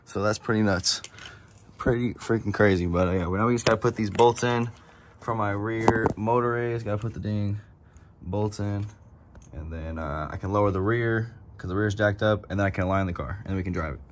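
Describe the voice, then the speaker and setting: A man's voice: lowish voice, brisk. A young man talking casually about his car build, slangy and profane, with a noisy background behind him. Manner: slangy, profane, laid-back. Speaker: car vlogger. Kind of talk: casual vlog narration.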